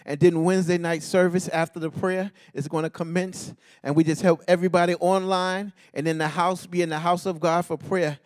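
A man pastor leading a fervent intercessory prayer, ending nearly every phrase with a call to God, rhythmic and half-sung, rising to shouts. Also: sits high, flat delivery, brisk, few pauses, dry recording, studio quality.

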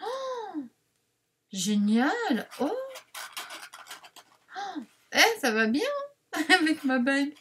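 A woman chatting to her viewers while unboxing craft supplies, rambling, excitable and quick to apologize. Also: sits high, a little hiss or hum. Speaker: craft vlogger unboxing a parcel. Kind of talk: casual unboxing chat to viewers.

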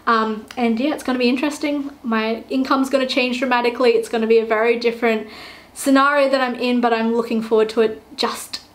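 Woman, casual vlogger, slightly high voice, upbeat and rambling, tired voice. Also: steady tone, fairly quick. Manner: chatty, self-correcting, upbeat. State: tired, losing her voice. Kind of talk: casual talking-to-camera vlog.

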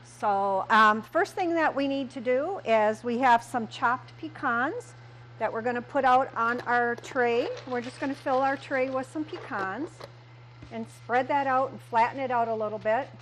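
High-voiced woman demonstrating candy making. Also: measured pace, a bit bright, a little hiss or hum, rough recording. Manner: plain step-by-step, frequent "um" fillers. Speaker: candy shop owner. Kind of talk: cooking demonstration. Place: small candy kitchen, indoors.

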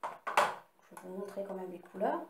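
A woman's voice: mid-range voice, lively intonation, a little slow, heavy background noise. A woman casually showing and swatching eyeshadow palettes she bought, chatty with little apologetic asides. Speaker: beauty vlogger. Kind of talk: casual makeup haul with swatches. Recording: echoey room.

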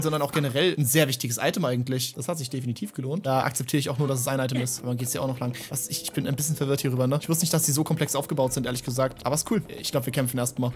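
A young man streaming a game, swearing in frustration and talking to his chat. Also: medium pitch. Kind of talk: gaming commentary.

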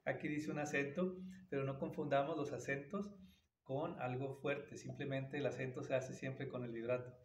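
A man's voice: medium pitch, steady tone, normal speed. A man teaching violin in a casual tutorial, explaining patiently between played passages. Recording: roomy, mic at a distance, violin behind. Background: violin playing.

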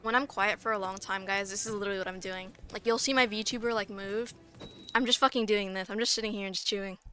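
A woman's voice: medium pitch, fairly even intonation, fast, bright, forceful tone. A young woman streaming as a VTuber, chatting loosely with her viewers, eating and swearing freely while playing. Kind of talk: casual livestream chat while eating and gaming. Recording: streamer mic with game music behind. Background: game music.

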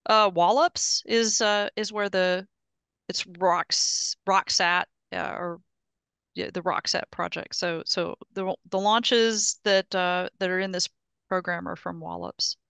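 A middle-aged woman with a lowish, clear and resonant voice speaks slowly and steadily, with a fairly bright tone and no echo. Presenting at an engineering meetup via video call from her home office on a headset mic, she gives a casual technical update, explaining step by step and restarting often.

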